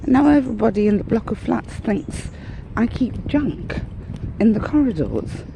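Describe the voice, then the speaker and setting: A woman's voice: fairly high pitch, big pitch swings, normal speed, vocal fry, background noise. A woman vlogging while out walking, out of breath, talking in a rambling, candid and wry way. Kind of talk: casual walking monologue. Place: outdoors, walking dogs. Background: faint outdoor ambience.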